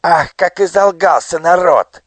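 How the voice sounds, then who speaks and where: A man voicing a cruel, shrill male minister who screeches and spits with rage in a storybook reading. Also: unhurried, dry recording. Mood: shrieking rage. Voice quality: squeaky, piercing, screeching. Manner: shouting, spitting with rage.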